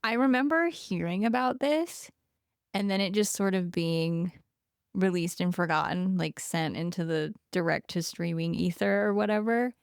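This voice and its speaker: A woman co-hosting a podcast, chatting casually with quick wry asides. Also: fairly low pitch, vocal fry, clean tone, dry recording, studio quality. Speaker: podcast co-host.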